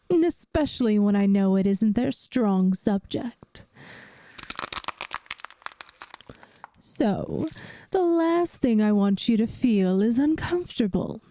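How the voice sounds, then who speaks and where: For an ASMR audio roleplay, a woman plays a kindly vampire math teacher, speaking gently and soothingly straight to the listener in a patient, wry mood. Her voice is a little high, and the recording is dry.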